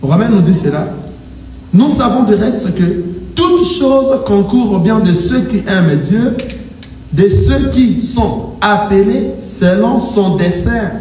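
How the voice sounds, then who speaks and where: Slowly and with lively intonation, a pastor with a high yet darkish voice preaches his sermon in an echoing church hall. His emphatic delivery invites call-and-response, and the congregation answers amen. The mic sits far off, with faint noise.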